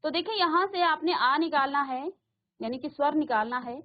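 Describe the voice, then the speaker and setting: A woman's voice: sits high, normal speed, highs cut off. A woman teacher giving a classroom grammar lesson, repeating terms and asking the class questions, in a virtual classroom studio.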